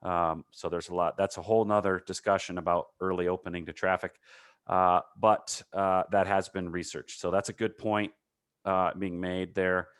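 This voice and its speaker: A man with a Minnesota accent answering technical questions in a webinar, halting with many fillers and self-corrections. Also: low-pitched, little pitch movement, smooth, no echo, studio quality. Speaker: concrete paving presenter.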